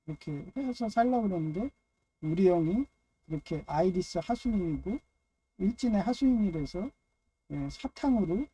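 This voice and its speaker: A man's voice: high-pitched, mellow, husky. A man giving a loose, rambling personal monologue on faith and family, dropping frequent "yes" fillers between phrases. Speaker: speaker of a personal religious talk.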